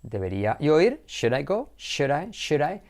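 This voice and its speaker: A man's voice: fairly high pitch, big pitch swings, measured pace, darkish tone. A man teaching English in a live online class, chatty and joking as he explains. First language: Spanish. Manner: chatty, explains with jokes and asides.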